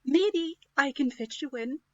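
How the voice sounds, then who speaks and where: A woman's voice: high voice, lively intonation, unhurried, mellow, no echo, lo-fi sound, pitched above the performer's own voice. Woman doing a sugary, scheming witch. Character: sly greedy gingerbread-house witch.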